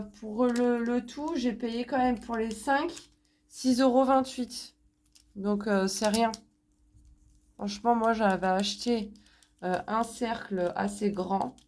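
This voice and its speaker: A French woman showing her craft purchases in a casual haul video, talking slowly with many hesitations, a little hoarse because she is sick. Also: medium pitch, a little mellow. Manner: slow, hesitant, many fillers. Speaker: crafts vlogger.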